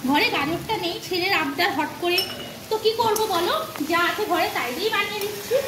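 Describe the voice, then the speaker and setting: In her home kitchen, a middle-aged woman talks casually to viewers at a fairly quick pace, her pitch extremely high, as she explains each cooking step with small asides. The echoey room carries clear sounds of frying and stirring.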